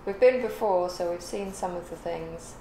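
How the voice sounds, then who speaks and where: Warm and lowish, the older woman's voice moves at a moderate pace as she chats casually on her child's craft livestream, musing and correcting herself as she goes. The setting sounds like a living room or home craft room, recorded with echo and clear background noise.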